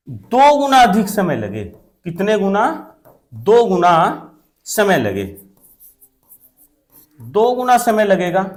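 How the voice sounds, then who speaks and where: A man with a fairly high voice teaches grammar for a competitive exam. He repeats key points, poses questions and answers them at once, and keeps checking in with the class. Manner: repetitive, asks questions and answers them himself, often checks with "theek hai na". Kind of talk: exam-prep classroom lesson.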